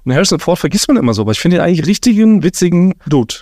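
A man's voice: high-pitched, very animated, racing, a little mellow, no room sound, studio quality. A man from Berlin who hosts a comedy podcast. He chats casually and teases his co-hosts with a laugh. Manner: playful, laughing, teasing. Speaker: podcast host.

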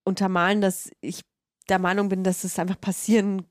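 A woman's voice: medium pitch, little pitch movement, fairly quick, no room sound. A woman co-hosting a podcast in casual chat, making blunt, wry asides and hesitating when she thinks aloud. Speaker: podcast co-host.

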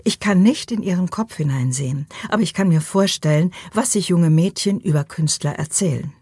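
A woman's voice: fairly low pitch, normal speed, mellow, breathy edge, no room sound. A woman voicing a brooding, insistent male painter in an audiobook, speaking in a persuasive, urging way.

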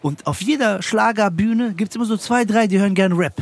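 Male stand-up comic from Frankfurt, husky, animated storyteller, street slang. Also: high voice, fairly quick. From Frankfurt, Germany. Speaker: stand-up comedian guest. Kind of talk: casual podcast chat.

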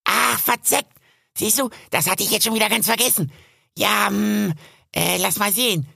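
A man doing a chattering, gravelly squirrel. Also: high-pitched, steady tone, normal speed, pushed and bright, dry recording, clean studio sound, voice pushed up, exaggerated voice. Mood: rambling. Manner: chopped, rambling stream of chatter. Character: chatty, cheerful squirrel rattling on.

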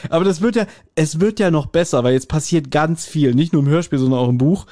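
Male podcast co-host, slightly high voice, casual and laughing recap style. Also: fast, dark tone. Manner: chatty, retells the plot with frequent laughs. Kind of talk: casual episode discussion.

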